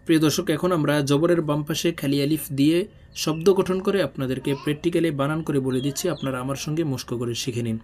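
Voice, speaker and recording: A man teaching Quran reading, who explains quickly and then recites and spells each syllable slowly and drawn-out. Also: a little high, steady tone, a little mellow, slight background noise. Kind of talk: religious reading lesson.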